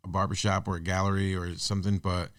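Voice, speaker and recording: A man in his thirties with a somewhat low voice, talking earnestly as a podcast guest. He muses aloud and circles back on his sentences. The sound is dry and close, with no room in it. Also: level tone, fast, dry recording. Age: 30s. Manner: earnest, reflective, talks in loose restarts. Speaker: podcast guest, artist and business owner. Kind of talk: casual interview chat.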